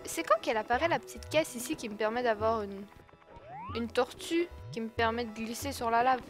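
A young woman talks through her gameplay in a high, bright voice, yelping when things go wrong and scolding the character on screen. Game music plays clearly underneath her commentary. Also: brisk. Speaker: let's play gamer. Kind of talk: excitable gaming commentary.

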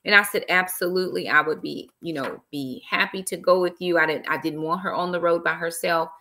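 An author in middle age hosts a laid-back live stream, chatting via laptop webcam from an armchair in a small indoor room and using "y'all" and praise exclamations. Her voice sits on the low side, pushed and bright, moving fairly quickly.

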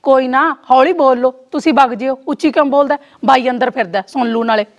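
A woman playing a young daughter-in-law who speaks softly and calmly, with a Punjabi village accent. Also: high voice, fairly quick, close to an everyday voice. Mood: placating. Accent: Punjabi village speech. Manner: soft, placating, hushing others.

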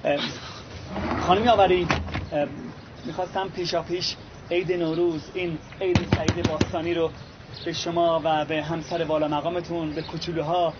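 A man's voice: fairly high pitch, level tone, lightly acted. An actor playing a self-important building handyman who talks in ceremonious, formal phrases. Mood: pompous. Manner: pompous, ceremonious formal speech. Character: self-important male handyman, touchy and proud. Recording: muffled film audio with background noise.

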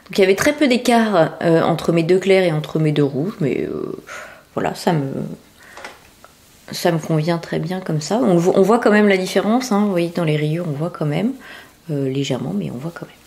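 A woman's voice: on the low side, moderate pace, darkish tone. A woman hosting a casual knitting and sewing podcast, talking chattily with frequent hesitations while showing her work. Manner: chatty, many hesitations and fillers, showing items to camera. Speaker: podcast host.

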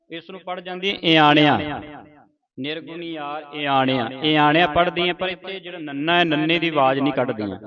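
A man teaching children to pronounce scripture, reciting slowly and carefully syllable by syllable. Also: fairly high pitch, highs cut off. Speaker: Gurbani pronunciation teacher. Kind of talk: patient recitation lesson. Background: group of children.

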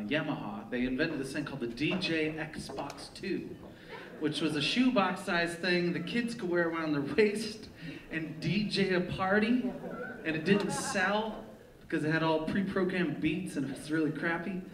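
A man from California, a poet, telling a comic story live on stage with wry, deadpan, profane humor. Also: on the high side, moderate pace. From Long Beach, California. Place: theater stage before a live audience. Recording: echoey theater, distant mic, crowd laughter.

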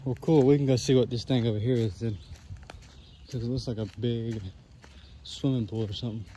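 A young man vlogs on a handheld camera along a wooded trail outdoors, giving laid-back, slangy, off-the-cuff commentary. His voice is medium-pitched and warm, with fairly even intonation and a fairly quick pace. The phone or camera is held at arm's length, capturing outdoor nature ambience and faint noise.

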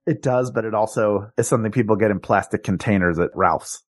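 A man co-hosting a comedic podcast, answering with wry, deadpan quips. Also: on the low side, a little fast, no room sound, clean studio sound. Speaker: podcast co-host. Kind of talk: comedic casual chat.

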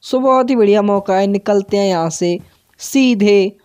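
A man giving live gameplay commentary for his channel, tense and excitable, dropping English words into his play-by-play. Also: sits high, unhurried, dry recording, clean studio sound. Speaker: gaming channel host.

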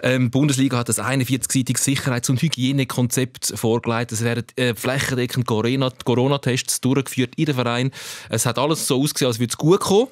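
Swiss German man hosting a football podcast, animated and chatty, dry studio sound. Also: mid-range voice, fast, no echo. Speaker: podcast host. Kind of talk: casual football chat.

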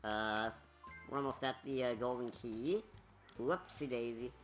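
A woman's voice: rumbling low, unhurried, soft background music. A woman giving casual, rambling commentary over a game walkthrough, chatty with many fillers.

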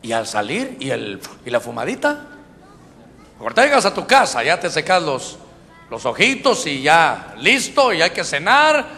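A man preaching voices a sly male inner voice that coaxes and tempts, lower and quieter than his own voice. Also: huge pitch swings, moderate pace, big-room sound, heavily acted. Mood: coaxing.

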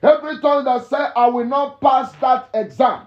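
A male pastor preaching a fervent morning sermon and prayer, repeating phrases and breaking into shouts. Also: very high voice, moderate pace. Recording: echoey, dull lo-fi church recording.

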